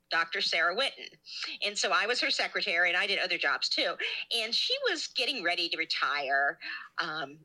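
A woman's voice: medium pitch, sharp tone, rough recording. A middle-aged woman, a guest scholar in an interview, telling stories in a chatty, self-deprecating way. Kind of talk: casual interview chat.

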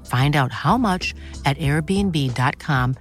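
A woman's voice: sits low, animated, slow. A woman reading a scripted advertisement. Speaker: ad voice-over. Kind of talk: scripted ad read. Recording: ad voice-over with music.

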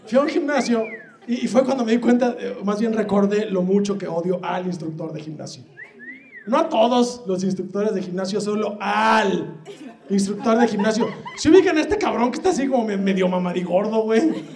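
A man's voice: sits high, fairly quick, a little mellow. A man with a Mexican accent doing a crude, rambling stand-up comedy routine full of slang and swearing. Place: comedy club stage. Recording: echoey live venue with audience.

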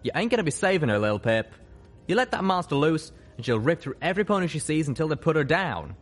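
Brief: wry, folksy young pegasus stallion, voiced by a man, drawled slang, lively delivery. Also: a little high, fast talker, faint music behind, voice pushed up. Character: young male pegasus pony, folksy wisecracking friend.

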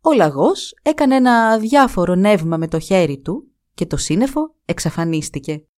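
Expressive woman telling a folk tale. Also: mid-range voice. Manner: expressive, dramatic. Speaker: storyteller. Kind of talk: storybook narration.

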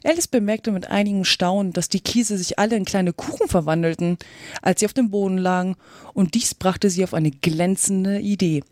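Lady reading a kids' story aloud, steady, dry close mic. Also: mid-range voice, normal speed, no room sound. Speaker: narrator. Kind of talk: audiobook reading.

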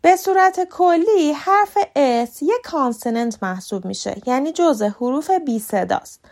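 A woman hosting a podcast lesson, explaining English pronunciation in a clear, scripted way and slowing down to model example words. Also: high-pitched, expressive, a little mellow. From Iran.

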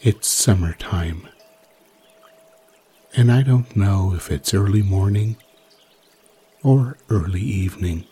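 A man narrating a guided sleep meditation like a sleep story, soothing and unhurried, with long pauses between phrases. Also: deep voice, mellow, a little hiss or hum.

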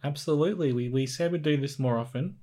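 A man's voice: mid-range voice, fast talker, dark tone. Teasing Australian male podcast host. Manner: teasing, playful banter. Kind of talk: casual chat.

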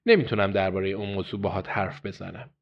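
A man voicing a weary, guarded woman in prison who answers quietly and evasively. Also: low-pitched, creaky, muffled recording.

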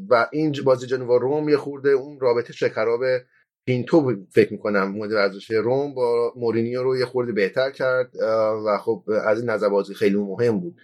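A man giving casual football analysis on a podcast, often pausing with filler sounds and restarting his sentences. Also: mid-range voice. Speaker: football pundit.

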